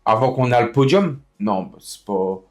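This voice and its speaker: A man hosting an online racing league stream talks informally with other players, complaining in slang and going over the same points again. His medium-pitched voice is darkish with lively intonation at a normal speed. Soft music plays behind him.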